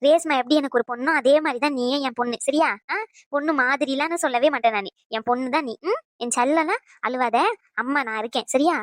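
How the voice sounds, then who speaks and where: Woman voicing a fast-talking cartoon mother. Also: high-pitched, no room sound, studio quality, natural voice. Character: caring middle-aged mother, warm but bossy. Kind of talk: cartoon voice acting.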